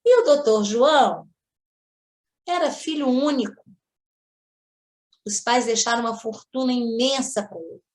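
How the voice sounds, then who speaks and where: Woman, study-group speaker, higher voice, animated storyteller. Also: measured pace, long pauses. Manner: lively storyteller acting out quoted lines. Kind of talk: spiritist study talk, storytelling.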